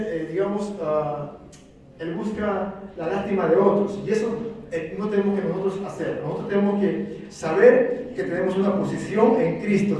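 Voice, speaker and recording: In a church sanctuary, a man with a high voice and darkish tone preaches fervently to his congregation, asking them questions. The mic is at a distance and the church is very echoey.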